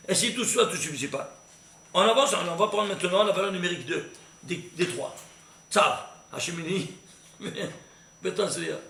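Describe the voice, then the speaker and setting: A high, bright man's voice with a gravelly edge, teaching a Torah class and firing questions at his listeners. The room rings with echo and a faint hiss sits underneath. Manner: animated, quizzing listeners with questions. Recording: echoey room with faint noise.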